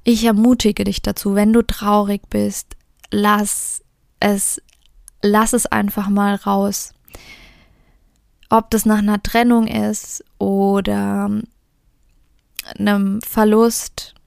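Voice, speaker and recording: A woman podcast host reading a fairy tale and then speaking gently and encouragingly to the listener, often near a whisper. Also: medium pitch, vocal fry, no room sound, studio quality.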